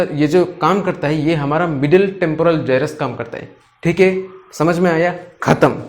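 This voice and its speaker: A man with a slightly higher-than-usual voice talks through an anatomy lesson in a loose, conversational way. He keeps asking the listener if they're following along and slips into short acted-out examples. It sounds like he's recording at home. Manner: conversational, checks in often with rhetorical "okay?"; acts out short example lines to illustrate. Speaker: medical educator. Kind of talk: casual explanatory lecture. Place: home, rain and a barking dog audible outside.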